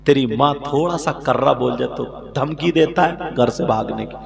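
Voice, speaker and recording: A man preaching an emotional sermon, telling a story tearfully with sudden shouted bursts. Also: mid-range voice, moderate pace, creaky, big-room sound. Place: religious gathering. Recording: live crowd audible behind.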